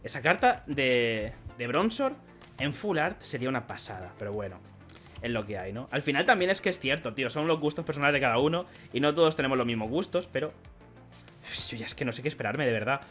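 A young man from Spain, a card collecting YouTuber, speaks fairly quickly in a medium-pitched, Spanish-accented voice over soft background music. While opening packs for his vlog, he rambles and chats, punctuated by excited shouting and laughter.

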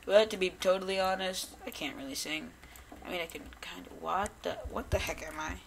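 A man giving casual gameplay commentary, rambling and chatty with many restarts and quick bursts of excitement at small finds. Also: high voice, creaky, slight background noise. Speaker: gamer recording gameplay.

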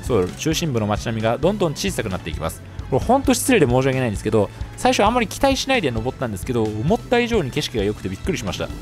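A man's voice: medium pitch, huge pitch swings, very fast, hardly any pauses, soft background music. A man narrating his solo trip as a travel vlogger, chatty and explanatory with light joking asides.

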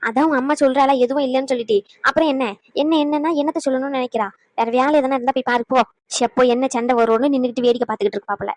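Brief: woman voicing an older aunt in a cartoon; scornful, fast, high-pitched. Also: steady tone, darkish tone, no room sound, close to an everyday voice. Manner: scornful, dismissive. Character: sharp-tongued dismissive older aunt.

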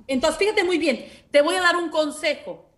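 A woman's voice: very high-pitched, moderate pace, fairly bright tone. A woman voice teacher with a Mexican Spanish accent, giving patient masterclass coaching with affectionate diminutives and short sung examples.

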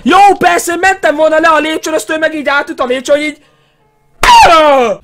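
A man giving let's play commentary on a horror game, breaking into loud screams and panicked shouts. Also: very high-pitched, fairly even intonation, soft background music. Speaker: gaming YouTuber.

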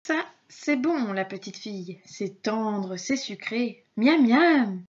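A woman voicing a sly, hungry male wolf who savors his words slowly, on a slightly dull recording. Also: on the high side, expressive. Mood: gloating.

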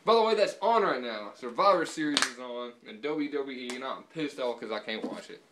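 A young man talking casually to camera with dip in his lower lip, laid-back and swearing often, filmed at home with the camera on a subwoofer. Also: animated, fairly quick, background noise. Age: young adult. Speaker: vlogger. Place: indoors, room at home.

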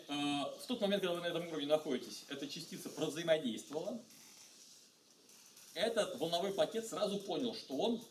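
A middle-aged man giving a university physics lecture, talking in a halting way with many fillers and restarts. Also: a little high, a little hiss or hum. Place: lecture room. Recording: echoey lecture hall, mic far off.

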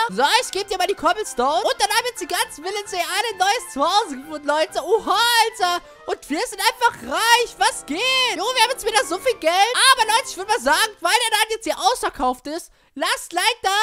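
A young woman giving excitable, slangy Let's Play commentary as a gaming YouTuber. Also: extremely high pitch, brisk, hardly any pauses, soft background music. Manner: excitable, slangy, youthful street talk.

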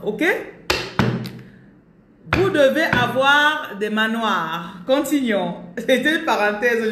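A woman's voice: medium pitch, a little hiss or hum. A woman giving a live spiritual coaching talk, declaring affirmations over her audience with emphasis and repeating her phrases. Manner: repeats phrases and slips into English. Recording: roomy echo, distant mic.

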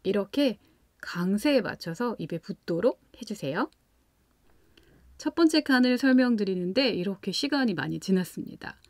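A woman hosting a parenting channel, calmly explaining English vocabulary practice for young children step by step. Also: mid-range voice, normal speed, dry recording. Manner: calm, patient, explains step by step with examples. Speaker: parenting channel host teaching English at home.

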